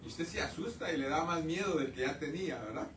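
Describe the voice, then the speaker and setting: Impassioned preacher, echoey church. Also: male voice, on the high side, lively intonation, quick pace, recorded from a distance, slight background noise. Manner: impassioned, swings from loud outbursts to quiet asides; addresses the congregation as brothers. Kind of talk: sermon. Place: church sanctuary. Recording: roomy church sound from off-mic.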